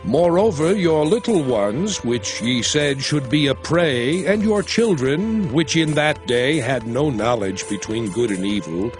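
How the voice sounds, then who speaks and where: Music plays beneath a studio recording in which a man with a slightly high voice portrays Moses, the aged and solemn prophet-leader. The scripture narration is dramatized, delivered at a slow, solemn pace with a dramatic telling.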